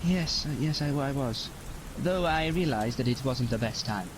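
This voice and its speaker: Man playing the theatrical, brooding Seventh Doctor, swooping pitch. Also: animated, moderate pace, noisy background, natural voice. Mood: evasive. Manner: hesitant, theatrical, with sighs and deflections. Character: the Doctor, secretive, evasive older time-travelling alien man, mournful and brooding. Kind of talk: audio drama acting.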